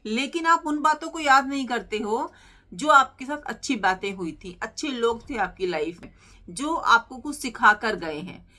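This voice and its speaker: A woman's voice: on the high side, lively intonation, normal speed, pushed and bright. A middle-aged woman hosting a motivational channel, coaxing her listeners with rhetorical questions and direct address. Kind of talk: motivational talk to camera.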